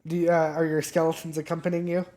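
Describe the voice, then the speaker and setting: A game master narrating a tabletop game in a casual, halting way, full of fillers. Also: mid-range voice, little pitch movement, dark tone.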